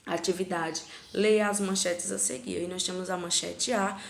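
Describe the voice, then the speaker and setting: A woman from Brazil teaches a recorded grammar lesson in a gravelly voice with a touch of vocal fry. She walks through each exercise step by step and keeps checking that her students follow. The room sounds echoey, with a faint hum of noise behind her. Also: fairly low pitch, steady tone, moderate pace.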